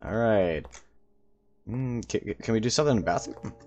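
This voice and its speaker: A man's voice: lowish voice, lively intonation, normal speed, darkish tone, slight background noise. A man giving casual, sweary game commentary in slangy language as he plays. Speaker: gaming video host.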